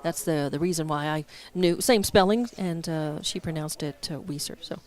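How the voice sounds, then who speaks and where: A low-pitched woman gives color commentary for a local baseball game. She talks in a friendly, conversational way and drifts into rambling asides. Her voice sits deep for a woman. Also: normal speed.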